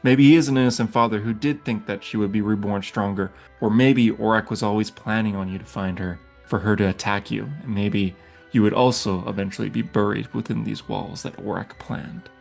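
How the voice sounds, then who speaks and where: A man hosting a channel, telling eerie stories and walking listeners through a tabletop role-playing setting he built, with hushed passages that build suspense. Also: on the low side, fairly even intonation, brisk, vocal fry, soft background music. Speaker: game master and channel host. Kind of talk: narrated tabletop setting guide.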